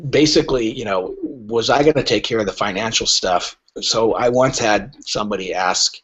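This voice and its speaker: A husky, lowish-voiced literary agent joins a podcast as a guest, speaking casually. His storytelling is animated and he acts out imagined exchanges, all captured in dull, lo-fi audio.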